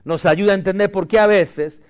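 A male pastor preaching a sermon, leading the congregation in call-and-response and moving between loud emphatic lines and quiet asides. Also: sits high, normal speed.

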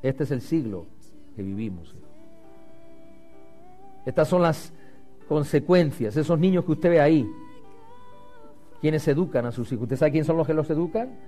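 A man preaching a sermon as pastor, swinging loud and rising to low and quiet. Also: lively intonation, moderate pace, long pauses, soft background music.

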